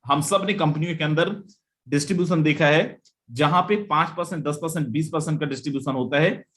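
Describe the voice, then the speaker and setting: A man presenting a live online webinar, delivering an emphatic, repetitive sales pitch and lifting his voice on every "my friend" to call out to the audience. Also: brisk, fairly bright tone.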